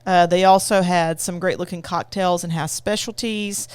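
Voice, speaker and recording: A woman's voice: lowish voice, fairly even intonation, normal speed, darkish tone, clean tone, dry recording. A woman co-hosting a casual food review in a conversational, emphatic way. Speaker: co-host reviewing theme park restaurants.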